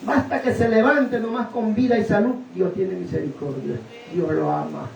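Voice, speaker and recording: A man preaching an animated sermon to his congregation, often calling out to them. His voice is dark and mellow. The sound rings around an echoey room and is picked up from some distance away. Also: high-pitched, moderate pace, gravelly. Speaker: pastor. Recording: echoey room, heard from a distance, faint room noise.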